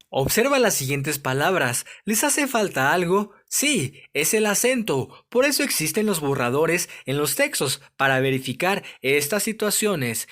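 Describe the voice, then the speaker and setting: Man, primary teacher, didactic lesson summary, fairly high voice, very lively pitch. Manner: clear didactic explaining, stressing key words.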